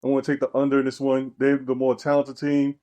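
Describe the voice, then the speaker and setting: A man's voice: mid-range voice, monotone, fast talker, mellow, dull audio. A man on a sports betting podcast panel, loose and joking, meandering through his picks over a weak connection. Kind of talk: casual sports betting chat. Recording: faint remote connection.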